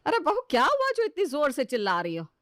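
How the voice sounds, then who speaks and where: Strict mother-in-law, commanding and plain; a woman does the voice, somewhat high. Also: huge pitch swings, quick pace, fairly bright tone, no room sound, clean studio sound, heavily acted. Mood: stern. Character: stern middle-aged mother-in-law, household head.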